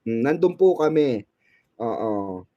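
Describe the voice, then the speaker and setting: Gossipy man with lively pitch. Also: slow pace, dry recording, muffled recording. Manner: gossipy, teasing, laughs often. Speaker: fan channel host. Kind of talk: casual showbiz commentary.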